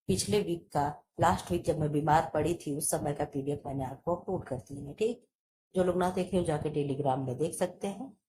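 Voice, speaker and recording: A woman with a lowish voice, heard over background noise, leads an exam-prep lesson. She reads each answer option aloud and then answers it herself, while coughing with a sore chest.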